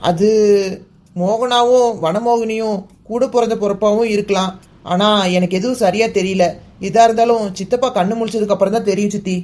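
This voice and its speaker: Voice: medium pitch, fairly even intonation, a little fast, a little mellow, close to an everyday voice. Someone doing a caring young guy in a cartoon, earnest and blunt, medium voice. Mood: reassuring. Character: earnest young man, caring nephew, frank. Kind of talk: cartoon voice acting.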